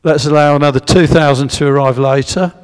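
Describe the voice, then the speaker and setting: A man's voice: fairly high pitch, fairly even intonation, a little fast, clean tone. A man giving a public history talk with slides, hesitant with many fillers and restarts, drawing guesses from the audience. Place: church. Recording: long echo of a church hall.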